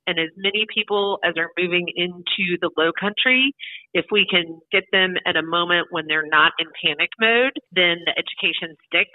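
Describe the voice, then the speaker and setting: A woman's voice: lowish voice, normal speed, no room sound. A woman guest on a radio show, heard over the phone, explaining things in a chatty way. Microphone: telephone. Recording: tinny phone line, dry.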